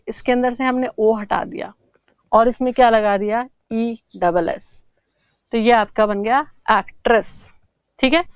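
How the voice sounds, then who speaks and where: A woman's voice: fairly high pitch, clean tone, no echo. A woman teaching an English grammar lesson for exam prep, explaining step by step and answering her own questions.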